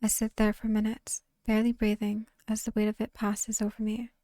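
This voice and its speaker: A woman streamer narrating a dark story game aloud in quiet, tense first person, dropping to whispers at times. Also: mid-range voice, monotone, a little fast, dry recording. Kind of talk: dramatic reading of a story game.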